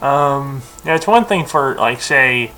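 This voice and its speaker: A man's voice: medium pitch, animated, slow, pushed and bright, rough recording. A young man talking casually at his computer, rambling with lots of fillers, restarts and tangents. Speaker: video host.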